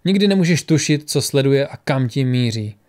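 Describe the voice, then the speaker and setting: A man voicing a calm, aloof male wizard who explains matter-of-factly in an audiobook. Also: mid-range voice, natural voice.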